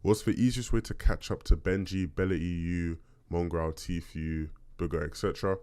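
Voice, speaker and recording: Casting: male podcast host, deep low bass, casual solo question-and-answer delivery, conversational. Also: fairly even intonation, moderate pace, warm tone, smooth. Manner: conversational, checks in with "right?".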